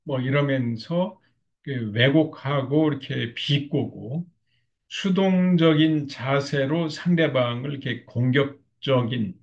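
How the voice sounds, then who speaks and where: An older male lecturer talks through marriage communication at a middle pitch. His voice is gravelly, and he often pauses on fillers. The recording sounds dull and lo-fi. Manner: frequent fillers, acts out short example quotes.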